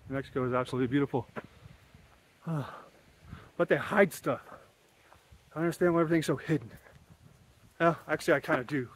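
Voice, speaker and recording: A man in his forties, talking casually and excitably to a handheld camera outdoors in a sunny rocky canyon as a hiking vlogger. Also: medium pitch, a little hiss or hum. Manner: chatty, excitable, self-deprecating. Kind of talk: casual vlog narration. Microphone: handheld camera at arm's length.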